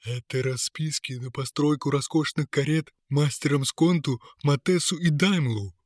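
A male reader gives voice to a cunning talking sack of tricks that lectures and mocks its victims. The voice sits higher and louder than a plain reading, sharp and accusing. Recorded dry and close. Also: moderate pace, dry recording, natural voice. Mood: mocking. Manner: mocking, lecturing. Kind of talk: audiobook character voice.

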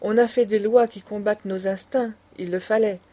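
A proud, scornful old grandmother of noble taste, lecturing with passion, as a woman reads her. The voice is mellow and dark in tone, with a middle pitch. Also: steady tone, normal speed, close to an everyday voice. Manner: impassioned, lecturing.

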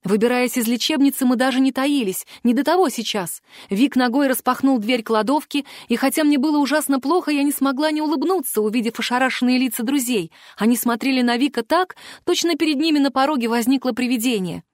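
A woman narrating a first-person fantasy audiobook in an expressive, emotional way. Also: high-pitched, a little fast, hardly any pauses, no echo, studio quality.

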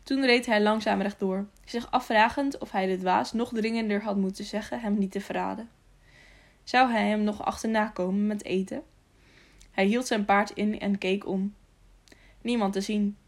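A woman narrating a children's novel aloud in a calm, even storytelling manner. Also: medium pitch, normal speed. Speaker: audiobook narrator. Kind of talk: scripted narration.

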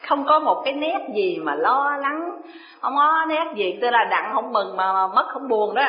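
A woman's voice: a little high, animated, moderate pace. A Buddhist woman teacher, giving a dharma talk in a chatty storytelling manner. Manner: chatty storytelling, laughs often. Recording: echoey room, dull lo-fi sound.

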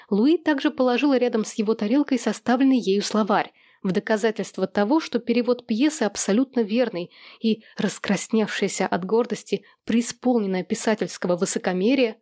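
Measured woman audiobook narrator. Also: medium pitch, darkish tone. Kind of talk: scripted narration.

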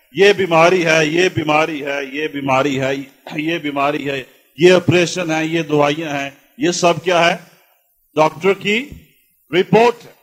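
A male pastor preaching a sermon with impassioned repetition, dropping into English phrases. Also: fairly high pitch.

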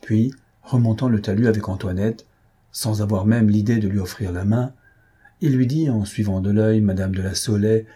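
A man reading a novel aloud as a narrator, in a measured, even storytelling manner. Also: fairly low pitch, slightly rough. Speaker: audiobook reader.

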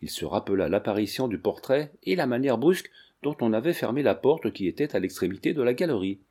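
A man narrating a classic novel in a steady, measured reading. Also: medium pitch, breathy edge. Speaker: audiobook narrator.

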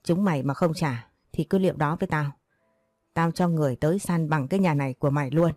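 A woman's voice: low voice, quick pace, a little mellow, no echo, studio quality, soft background music. A woman voicing a harsh older village moneylender woman who talks bluntly and rudely. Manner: blunt, bullying, rude.

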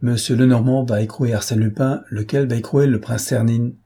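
A man voicing a sly, cocky gentleman thief who teases his captors in an ironic, lively tone, in a read-aloud novel. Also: medium pitch, moderate pace, husky. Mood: mocking.

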